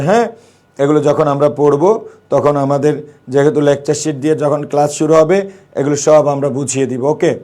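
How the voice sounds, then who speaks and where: A man's voice: fairly high pitch, a little mellow. A young man teaching an exam-prep grammar lesson, repeating key phrases and quizzing his listeners.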